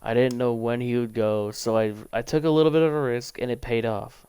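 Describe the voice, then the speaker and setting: A young man livestreaming a football video game, thinking aloud in casual, rambling commentary that speeds up in quick bursts. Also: mid-range voice, steady tone, dark tone, clean tone, no echo.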